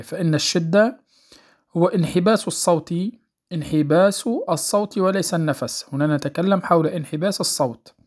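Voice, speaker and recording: A man teaching the rules of Quran recitation, speaking in a measured, deliberate way with pauses and fillers, checking that listeners follow and drawing out sounds to show them. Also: on the high side. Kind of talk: spoken lesson on recitation rules.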